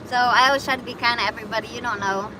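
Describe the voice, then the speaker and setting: Amid traffic, a Buffalo, New York livestream host talks at a racing clip in a slightly high voice with a steady tone. She's chatty and rambling, answering viewers and reacting to chat comments in a casual way.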